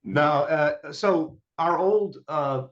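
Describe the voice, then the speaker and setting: A man's voice: a little high, extremely slow. A man, a band member guest, answering plainly and matter-of-factly with some fillers. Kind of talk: casual interview. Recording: dull, lo-fi sound.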